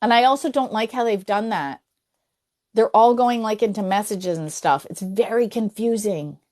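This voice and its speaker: A woman's voice: medium pitch, moderate pace, a little mellow. A woman hosting a livestream, chatting casually and laughing easily. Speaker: host of a sweepstakes livestream. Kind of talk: casual chat. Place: livestream video call.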